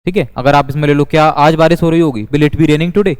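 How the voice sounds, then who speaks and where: Man, grammar teacher, smooth resonant voice, slow and repetitive, reverberant room. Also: fairly high pitch, steady tone, darkish tone. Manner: slow, deliberate, repeats each sentence. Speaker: English teacher. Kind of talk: classroom grammar lesson. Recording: long reverb.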